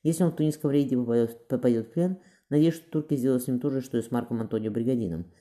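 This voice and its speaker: A man voicing a shrewd, calm spymaster giving careful instructions. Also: mid-range voice, close to an everyday voice. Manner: measured, instructive. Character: calm, shrewd male spy master, advising.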